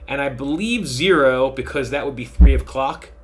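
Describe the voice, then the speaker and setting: A man teaching a machining software lesson, talking through each setting in a relaxed, thinking-aloud way with frequent fillers. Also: medium pitch, moderate pace, a little hiss or hum. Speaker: machining instructor. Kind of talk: software tutorial screen recording.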